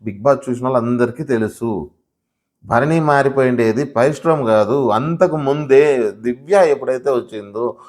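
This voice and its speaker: A man's voice: mid-range voice, moderate pace. A man reviewing a show in casual spoken commentary, arguing with many rhetorical questions and talking straight to viewers as "sir". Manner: animated, argumentative, full of rhetorical questions; addresses viewers directly as sir.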